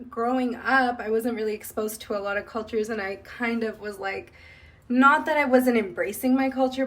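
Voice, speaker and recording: A young woman from Sri Lanka who grew up in Canada, chatting reflectively as a beauty vlogger while doing her make-up, full of "like" fillers. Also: on the high side. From Sri Lanka, raised in Canada.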